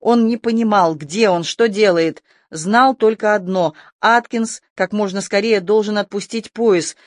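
An audiobook narrator reading a tense adventure story with steady, scripted delivery. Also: medium pitch, a little slow, dry recording, clean studio sound.

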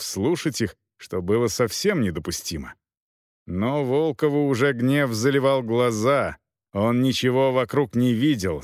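Male audiobook narrator, dramatic reading, very lively pitch, dry close sound. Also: dry recording.

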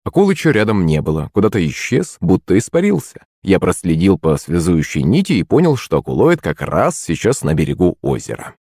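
Man, audiobook narrator, low voice, lively melody, dry close sound. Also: fairly quick, hardly any pauses, husky, no room sound. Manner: lively storytelling. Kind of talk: scripted first-person narration.

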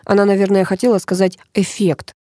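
A woman's voice: medium pitch, lively intonation, a little fast, dark tone, dry recording. A woman narrating a first-person audiobook in a dry, ironic manner.

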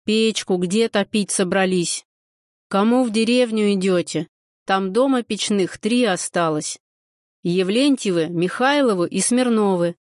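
Ворчливый деревенский мужик, женщина читает за него, тянет слова, сухой звук без эха. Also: female voice, medium pitch, a little slow, no echo, studio quality, natural voice. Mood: gruff. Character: gruff rural man, grumpy and blunt.

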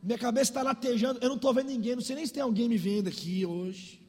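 A man preaching a sermon as a pastor, fervent and shouting, with comic asides, his voice hoarse and tired. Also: very high voice, quick pace. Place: church. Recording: reverberant church hall.

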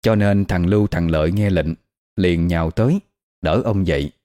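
A man narrating a scripted horror story in a steady, measured way. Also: sits low, no echo, studio quality. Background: faint music.

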